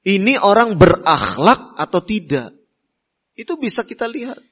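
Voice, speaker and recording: A middle-aged man preaching a sermon, teaching slowly and deliberately with frequent "ya" fillers and soft acted-out quotes of polite hosts. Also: high voice, big pitch swings. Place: Islamic boarding school hall.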